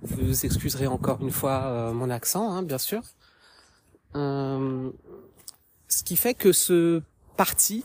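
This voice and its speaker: A man's voice: fairly high pitch, a little mellow. A man from France giving casual spoken commentary while walking outdoors in a small wood, hesitating often with filler sounds, recorded as a phone voice message. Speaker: podcast contributor.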